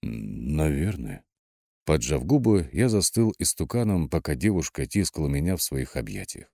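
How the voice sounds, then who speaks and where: A man narrating a first-person audiobook in an expressive storytelling manner. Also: low-pitched, a little fast, no room sound, studio quality.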